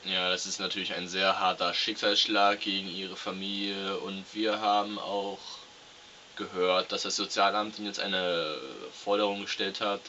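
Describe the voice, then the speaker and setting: A man's voice: deep voice, sharp tone. A man playing an earnest TV field reporter conducting a mock news interview on a hissy recording. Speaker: co-host. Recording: dull, hissy, noisy recording.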